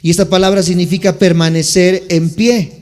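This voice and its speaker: A pastor preaches to his congregation, teaching the meaning of scripture words and asking listeners to answer back. His voice sits high for a man. The sound carries a long reverb from the church hall. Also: level tone, moderate pace, a little mellow. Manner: teaching Bible words, asks congregation to respond. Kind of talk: sermon. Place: church sanctuary.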